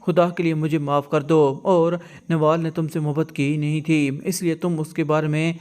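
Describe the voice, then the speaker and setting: A man voicing a scheming young wife in a retold drama, in his own flat voice. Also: on the high side, smooth, close to an everyday voice. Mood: pleading.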